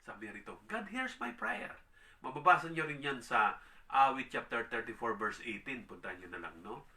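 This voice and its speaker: A man preaching in a Bible teaching style, tagging his sentences with questions and slowing down to read scripture. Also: mid-range voice, sharp tone, distant mic. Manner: tag questions, reads scripture slowly, dramatizes quotes.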